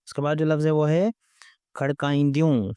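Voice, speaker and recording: A man teaching a vocabulary lesson, explaining word meanings one by one with steady repeated phrasing. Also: a little high, smooth, no room sound, studio quality.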